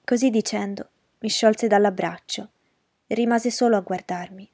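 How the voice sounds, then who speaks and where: A woman narrating in the first person as the heroine of a radio drama, measured and emotional. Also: medium pitch, fairly even intonation, a little mellow, no room sound, clean studio sound.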